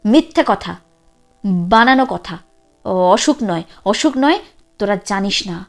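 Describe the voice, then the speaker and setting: A woman voicing an unwell elderly mother who lashes out with sharp, scornful outbursts in a storybook reading. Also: medium pitch, animated, slow, soft background music. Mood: angry. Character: unwell elderly mother, fierce, mocking, confused.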